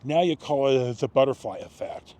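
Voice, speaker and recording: An American man in his sixties, a storytelling vlogger, casually shares personal stories in a halting, rambling way full of pauses and repetitions. His mid-range voice is warm and animated.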